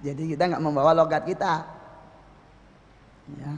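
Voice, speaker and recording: A man with an Indonesian accent teaching Quran recitation as a religious lesson, patiently explaining, often adding "ya" and chanting verses slowly. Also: a little high, fairly even intonation, dull audio. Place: mosque hall. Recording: long echo of a mosque hall.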